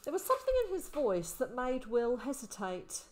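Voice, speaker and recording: A woman narrating an audiobook, reading a story in an expressive way. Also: high-pitched, normal speed. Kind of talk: scripted narration.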